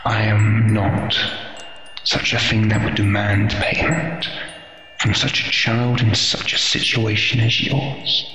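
A man voicing a mysterious, sinister spirit that coaxes slowly and in a hushed, deliberate way during a tabletop role-play. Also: fairly low pitch, flat delivery, exaggerated voice. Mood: coaxing, sinister. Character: mysterious dark spirit voice, coaxing, sinister tempter. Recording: dull, very echoey, music behind.

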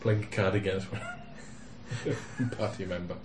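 A man's voice: low-pitched, slow. A man playing a tabletop role-playing game, chatting casually about what the party should do. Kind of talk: casual improvised role-play banter. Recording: echoey, noisy room.

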